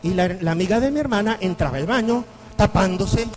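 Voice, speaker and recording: Animated Venezuelan priest lecturing. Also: male voice, high-pitched, a little fast, poor audio. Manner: animated storyteller, acts out quoted voices. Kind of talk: lecture to a parish group.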